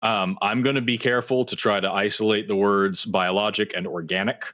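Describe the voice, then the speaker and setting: A male talk show host questioning a caller, pressing for clear answers. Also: lowish voice, steady tone, fairly quick, sharp tone. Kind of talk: call-in debate.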